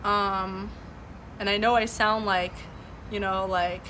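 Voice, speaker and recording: Slow, flat, and sharp in tone, a woman with a medium-pitched voice talks earnestly about current events on her live stream, answering chat with plenty of fillers and restarts. Her first language is Farsi, she broadcasts from a home room with boxes behind her, and a little hiss or hum can be heard.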